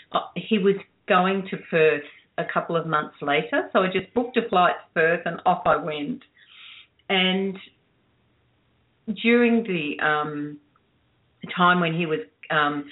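A woman guest telling a heartfelt story in a soft-spoken, earnest way, dwelling on her words. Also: fairly low pitch. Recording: tinny phone-line sound.

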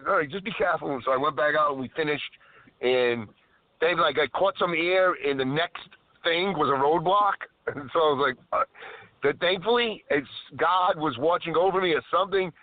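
A man's voice: fairly high pitch, normal speed, no room sound. A man telling stories as a caller on a live show, calling in over his car speakerphone while he drives, often stopping to correct himself mid-sentence. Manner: rambling storyteller who keeps interrupting himself. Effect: car speakerphone call while driving. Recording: tinny dry phone line.

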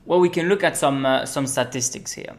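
This interview guest is a young management consultant from Belgium with a medium-pitched, brisk voice marked by vocal fry. His manner is relaxed and casual, peppered with ums and uhs.

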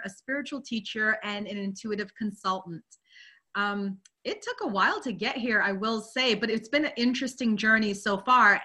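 Bright-voiced woman telling her story. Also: mid-range voice. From Guyana. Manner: candid, open storytelling with frequent "you know". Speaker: guest, spiritual teacher. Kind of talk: personal life story in an interview. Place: Virginia.

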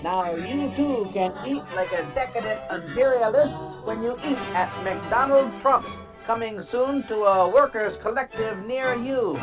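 A man's voice: extremely high pitch, measured pace, few pauses. A man reading a mock propaganda commercial in a bombastic announcer manner. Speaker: comedy ad announcer. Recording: tinny phone-like audio with music.

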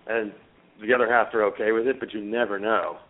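A man calling in on a phone line that keeps breaking up, talking in halting, restarting phrases. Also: fairly low pitch, level tone. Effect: phone call breaking up. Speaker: panelist calling in. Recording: tinny, crackly phone line.

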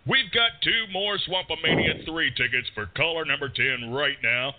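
A man's voice: fairly high pitch, lightly acted. A man doing a short-tempered radio DJ. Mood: upbeat. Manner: exasperated, swearing, quick to lose patience. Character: harried male country radio DJ, short-tempered. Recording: phone-like audio with music behind.

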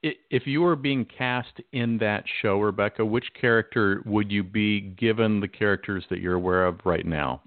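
A man hosts a casual radio chat, talking with stammering restarts and acting out little quotes. His voice sits a bit low and sounds dry and narrow, like a phone call. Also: moderate pace, hardly any pauses, no echo. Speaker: radio show host.

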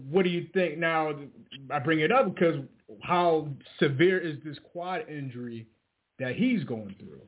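A man co-hosting casual sports talk, loosely and haltingly working his way toward questions. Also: a little high. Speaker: sports show co-host. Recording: tinny phone-like line.

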